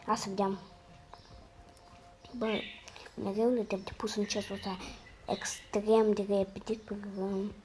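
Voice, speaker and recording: A woman with a hoarse voice giving casual, slangy gameplay commentary, muttering to herself between sudden loud outbursts. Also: medium pitch, level tone, pauses often, slight background noise. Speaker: gamer.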